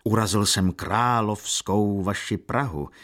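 A man reading a mocking, cool-toned officer's lines slowly in a storybook. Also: lowish voice, fairly bright tone, lightly acted. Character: sneering Viennese lieutenant, cool and mocking.

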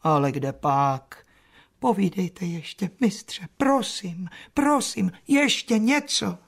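An actress playing a put-upon old spinster housekeeper who grumbles dryly in a chatty radio play. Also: female voice, fairly low pitch, expressive, creaky. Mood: fussy. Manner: dry, chatty complaining with soft asides.

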